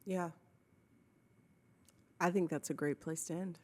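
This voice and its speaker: A woman's voice: on the low side, steady tone, slow pace, dark tone. A woman co-hosting a podcast, her voice slightly nasal from a cold, giving brief, affirming replies in casual chat. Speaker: podcast co-host.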